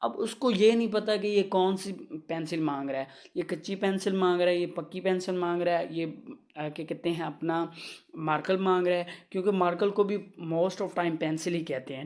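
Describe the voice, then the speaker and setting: Slow, patient male grammar teacher. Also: high-pitched. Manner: keeps checking in with a repeated "okay" and reads example sentences slowly. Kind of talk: explaining a grammar lesson.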